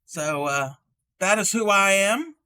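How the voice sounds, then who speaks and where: A man playing a chatty ninety-year-old grandmother who hosts a livestream, rambling folksily and halting with fillers. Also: high-pitched, lively intonation, bright, forceful tone, clean tone, heavily acted. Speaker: livestream host showing crochet. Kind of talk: in-character livestream chat.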